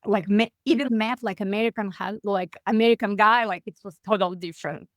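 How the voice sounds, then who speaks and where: A woman in her forties from Russia with a Russian accent, chatting as a guest on a video call, halting and full of fillers. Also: mid-range voice, steady tone, no room sound. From Russia (far east). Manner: halting, many "like" fillers, simplified grammar. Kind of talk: casual interview over video call.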